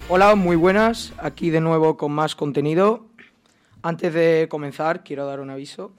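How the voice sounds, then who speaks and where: A man presenting a short lesson segment, speaking slowly and haltingly with many fillers. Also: a little high, faint music behind.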